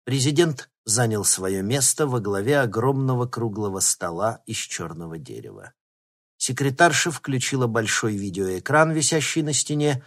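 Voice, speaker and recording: A man reading an audiobook in steady, dramatic narration. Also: mid-range voice. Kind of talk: scripted narration.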